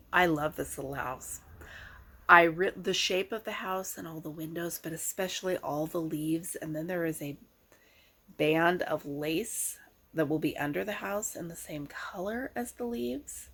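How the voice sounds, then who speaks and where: A middle-aged woman hosting a casual craft vlog, chatting wryly and conversationally, a little hoarse from being sick with a sore throat. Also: lowish voice, a bit bright.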